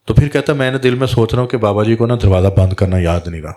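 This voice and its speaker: A man's voice: fairly low pitch, darkish tone. A man, a Sufi spiritual guide, telling a story in a religious talk and acting out the dialogue in quoted voices.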